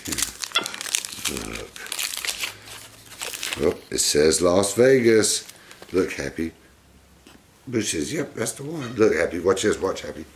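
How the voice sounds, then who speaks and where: A man's voice: low-pitched, expressive, slow, pauses often. A man hosting a casual home video, coaxing and doting on his pet monkeys.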